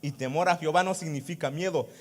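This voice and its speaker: A male pastor preaching a sermon to his congregation, asking rhetorical questions, tagging phrases with a quick "right?", and breaking into loud shouts of praise. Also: on the high side. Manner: keeps adding "¿verdad?".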